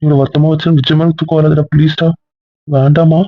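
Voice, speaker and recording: A man's voice: fairly high pitch, flat delivery, fast, no room sound, lightly acted. A man playing a remorseful young husband who begs his wife for forgiveness, in an amateur audio drama on a dull lo-fi recording. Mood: pleading. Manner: pleading, repetitive begging.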